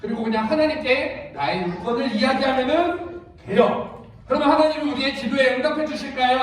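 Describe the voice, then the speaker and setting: A man's voice: extremely high pitch, a little hiss or hum. A man, a youth ministry pastor, giving an interactive sermon to children at a church retreat, quizzing the kids and calling them by name. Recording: echoey hall, far from the mic, children's crowd.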